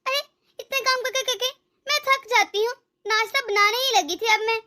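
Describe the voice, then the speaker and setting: A woman's voice: very high voice, fairly even intonation, moderate pace, bright, forceful tone. A grumbling cartoon mother-in-law. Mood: weary. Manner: weary, grumbling self-pity. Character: harsh older mother-in-law, tired, complaining. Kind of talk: cartoon dub voice acting.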